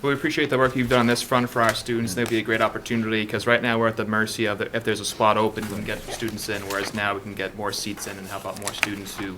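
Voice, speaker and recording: A board member at a town meeting, speaking quickly and appreciatively from a distance. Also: male voice, on the low side, flat delivery. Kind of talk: public meeting remarks. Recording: distant from the mic, faint noise.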